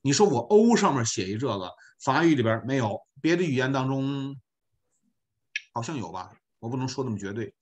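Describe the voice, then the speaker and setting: Patient man teaching beginners, lively pitch. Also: fairly quick. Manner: patient, explanatory, frequent filler particles. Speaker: volunteer French teacher. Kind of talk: online beginner lesson.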